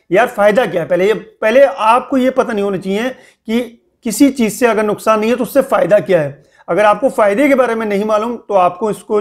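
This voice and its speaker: A young man hosting a casual spoken news update, warning his viewers and scolding them with repeated pleas. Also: sits high. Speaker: news channel host.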